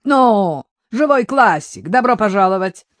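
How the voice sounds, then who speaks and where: A woman voicing a jovial brother-in-law who jokes warmly with the family. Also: medium pitch, lively intonation, a little slow, dry recording, lightly acted. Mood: hearty. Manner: hearty, joking.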